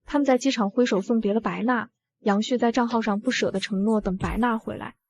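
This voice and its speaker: A woman narrating a short drama in the first person, telling the story at a steady pace. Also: a little high, brisk. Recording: dull lo-fi audio.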